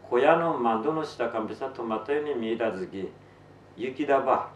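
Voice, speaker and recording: A man reading his own fiction aloud in Tsugaru dialect to an audience, in an unhurried, measured storytelling manner. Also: medium pitch, a little hiss or hum. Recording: roomy, distant mic, faint ambience.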